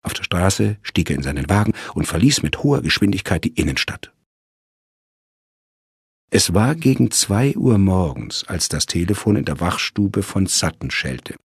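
Deep, creaky male audiobook narrator. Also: very animated, dry recording, studio quality. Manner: measured storytelling. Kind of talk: scripted crime audiobook narration.

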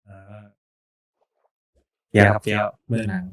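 Male podcast host, lower register, casual, joking chat. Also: level tone, normal speed.

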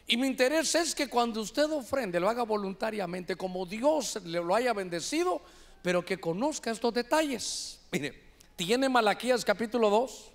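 Honduran pastor, high voice, animated sermon delivery in church, keeps calling out "hermano". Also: male voice, moderate pace. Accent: Honduran Spanish. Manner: preaching to a congregation, animated, addresses listeners as "hermano".

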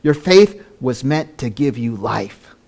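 A middle-aged man pastor preaching a sermon, emphatic and repetitive, swinging between loud rousing lines and soft quiet ones. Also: medium pitch, expressive, slow.

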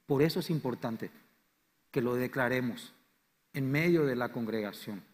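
A man with a Paraguayan Spanish accent preaching a sermon as pastor, swinging between loud, fervent declarations and quiet, low lines. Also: normal speed. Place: church sanctuary. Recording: church hall reverb.

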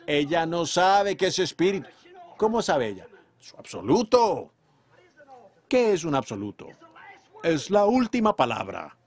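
Male preacher, somewhat high-pitched, fervent and emphatic, shifting between loud proclamations and low, quiet narration. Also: slightly rough. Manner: emphatic, swings from loud declarations to quiet storytelling. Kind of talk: fervent sermon delivery.

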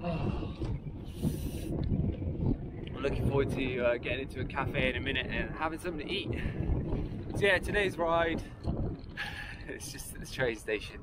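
A man's voice: mid-range voice, a little slow, pauses often. Chatty man vlogging in wind. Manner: chatty, rambling with restarts and small laughs. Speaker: cycle touring vlogger. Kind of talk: casual vlog to camera. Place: windy seaside street outdoors. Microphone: action camera close to the face. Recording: loud wind and traffic noise.

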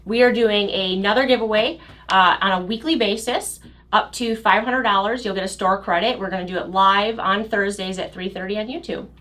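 A young woman co-hosts a retail promo show. She has a medium-pitched voice and presents in a casual, conversational way. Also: fairly even intonation, normal speed, fairly bright tone. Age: young adult. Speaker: co-host of a motorcycle gear shop show. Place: indoor shop set.

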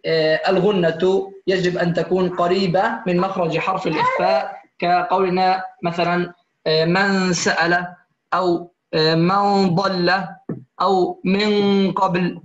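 A man teaches Quran recitation in an online class, his voice sitting high. He is patient, addresses the students as dear ones and stretches out the examples he demonstrates. The sound is muffled and roomy, like a lo-fi call. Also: a bit bright. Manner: models recitation examples slowly. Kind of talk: online tajweed lesson.

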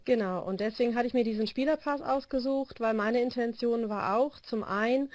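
A woman in her forties, a volleyball coach, explains her training system during a video call interview, holding a phone to her ear in a small indoor room. Her voice is on the high side, brisk and a little mellow, and she uses plenty of hesitation fillers as she explains.

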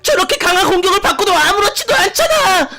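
A man's voice: very high-pitched, very animated, fast talker. A man voicing an overwrought onlooker giving melodramatic, exclamatory battle commentary in a comic cartoon dub. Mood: aghast.

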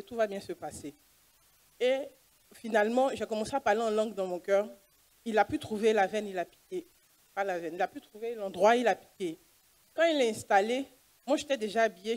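A woman's voice: mid-range voice, darkish tone. A woman, a doctor giving an earnest church testimony and acting out the dialogue as she tells it. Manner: earnest storytelling, plays out dialogue.

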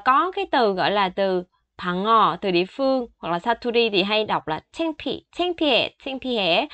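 A woman's voice: medium pitch, fairly bright tone, dry recording. A woman teaching a vocabulary lesson, patiently explaining each word and repeating it several times. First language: Vietnamese. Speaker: Korean language teacher.

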